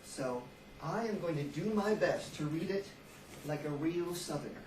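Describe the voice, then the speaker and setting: Animated Southern-accented male teacher, echoey classroom. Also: a little high. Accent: Southern American, Texan. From Texas, southern United States. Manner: animated, explains slowly and repeats words for the class. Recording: echoey classroom from far off with faint noise.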